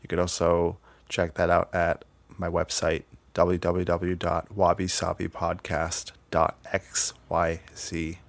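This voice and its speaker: A man hosting a podcast, talking casually in measured, sometimes hesitant phrases. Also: deep voice, monotone, gravelly, no echo. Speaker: podcast host. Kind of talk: casual podcast introduction and conversation.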